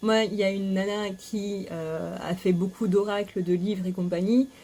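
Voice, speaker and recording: In a casual home vlog, a woman who runs a spiritual YouTube channel speaks candidly to her viewers, stumbling through fillers and restarts. Her medium-pitched voice is mellow and steady, at a moderate pace, and a vacuum cleaner is running close by.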